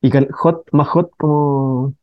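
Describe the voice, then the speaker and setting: A man's voice: medium pitch, fairly even intonation, slow pace, dry recording. A Chilean man hosting late-night radio, joking and rambling as he hunts for words. His voice is close and dry, with a slightly dulled, lo-fi edge. The talk is loose and casual. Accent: Chilean Spanish. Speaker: radio host.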